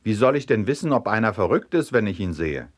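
A slow, baffled countryman, put on by a man reading jokes aloud, hesitant and disbelieving. The voice is pitched above his own with wide swings. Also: big pitch swings. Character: puzzled, slow rural male farmer.

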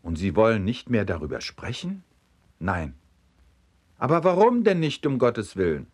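A man voicing an excitable, greedy male circus director who shouts eagerly in a raised voice. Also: normal speed, breathy edge. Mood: incredulous. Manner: shouting eagerly, high and loud.

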